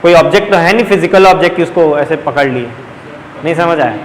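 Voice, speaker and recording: Echoey high-voiced male tutor drilling students. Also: fast talker. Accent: Chhattisgarhi Hindi. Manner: drilling sentence patterns, chatty and coaxing with students. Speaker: teacher. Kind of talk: live coaching class lesson. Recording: echoey classroom, faint background noise.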